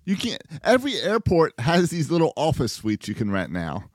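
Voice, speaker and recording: A man co-hosting a sports podcast, chatting casually and telling stories in an animated way with quoted asides. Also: on the high side, moderate pace, no room sound, studio quality. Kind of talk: casual baseball chat.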